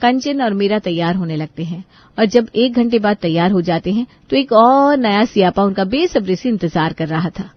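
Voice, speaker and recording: A woman narrating a cartoon story in a calm, even way. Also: mid-range voice, moderate pace, dry recording, lo-fi sound.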